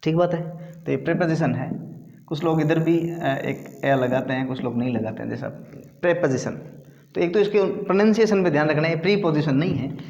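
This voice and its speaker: A man teaching a grammar lesson, explaining step by step and repeating key words slowly. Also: a little high, a little mellow. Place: classroom. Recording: echoey room, long reverb, dull sound.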